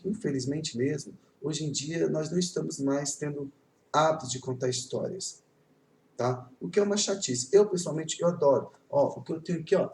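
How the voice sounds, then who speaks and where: A man's voice: mid-range voice, vocal fry, warm tone, far from the mic, a little hiss or hum. Chatty Brazilian male teacher, echoey room. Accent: Brazilian Portuguese. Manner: chatty, rambling, checks in with "tá?". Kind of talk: casual online class storytelling.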